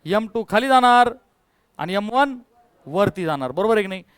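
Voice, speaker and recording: Male physics teacher, high voice, smooth and dry, pushes the class for answers. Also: lively intonation, normal speed, no room sound. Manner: coaxing, calls students to answer louder. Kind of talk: classroom lecture.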